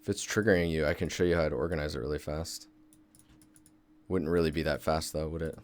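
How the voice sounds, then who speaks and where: This young Seattle man's voice is smooth and extremely low, delivered fairly quickly in a steady tone. As a game environment artist on a live stream, he casually walks viewers through his work at his desk, thinking out loud and responding to chat.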